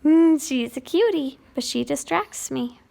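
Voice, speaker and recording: A woman's voice: high-pitched, animated, unhurried, gravelly, mellow. A woman teacher working through a grammar lesson at home, explaining each answer patiently.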